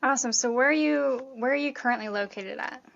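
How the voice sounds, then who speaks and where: A woman hosting a podcast interview talks quickly in a high, creaky, slightly bright voice, upbeat and chatty. She fills her speech with fillers and says "like" a lot, and the sound is lo-fi.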